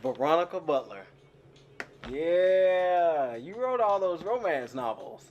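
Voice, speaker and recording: An actor playing a chatty, awkward server and eager fan who rambles and stammers with lots of fillers, in short film dialogue. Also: male voice, on the high side, very animated, slow pace, a little mellow, muffled recording, slight background noise.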